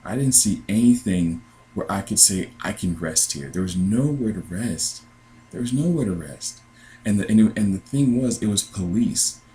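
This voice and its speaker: Young man, American accent, deep voice, earnest, halting testimony. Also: lively intonation, mellow, poor audio. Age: 20s. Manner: earnest, halting, with many restarts. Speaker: dream sharer. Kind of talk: personal testimony.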